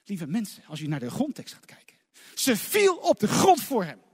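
A man's voice: high voice, huge pitch swings, normal speed, darkish tone, breathy edge. A man preaching a sermon emphatically, asking the congregation rhetorical questions. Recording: long hall reverb.

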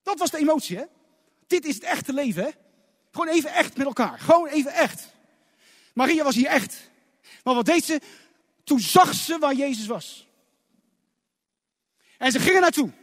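A man preaching a sermon emphatically, asking the congregation rhetorical questions. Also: very high voice. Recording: long hall reverb.

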